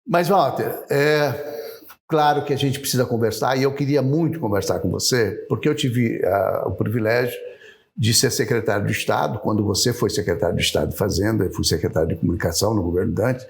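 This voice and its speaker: A man's voice: on the low side, brisk, gravelly. Chatty Brazilian man hosting an interview. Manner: admiring, chatty questions with many filler tags. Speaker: interview host. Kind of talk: interview conversation.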